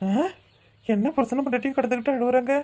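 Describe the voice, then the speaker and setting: Dazed old cartoon grandfather, played by a woman; low, slow, drowsy muttering, southern village dialect. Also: fairly even intonation, mellow. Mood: groggy. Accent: southern Tamil Nadu village dialect.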